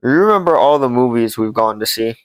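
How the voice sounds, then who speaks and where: A man's voice: mid-range voice, animated, a little fast, no echo, low-quality recording. A young man co-hosting a podcast, telling anecdotes in a rambling way full of "like" fillers. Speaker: podcast co-host. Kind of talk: casual chat.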